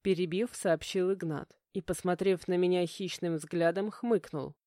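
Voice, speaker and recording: Low, mellow woman narrating a story. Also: steady tone, normal speed, no echo, clean studio sound. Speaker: audiobook narrator. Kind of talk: scripted first-person narration.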